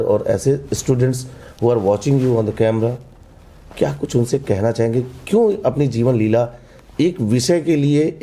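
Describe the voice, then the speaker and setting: A man's voice: medium pitch, dark tone, husky. A man hosting a podcast interview, giving short agreements and asking earnest questions that switch between Hindi and English. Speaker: podcast host.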